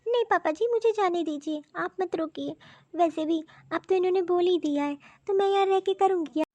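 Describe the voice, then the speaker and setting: Woman doing a squeaky hurt young wife. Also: a little fast, dark tone. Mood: subdued. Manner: complaining, plaintive. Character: wronged young daughter-in-law, hurt and tearful. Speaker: cartoon voice actor. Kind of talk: storybook cartoon dialogue.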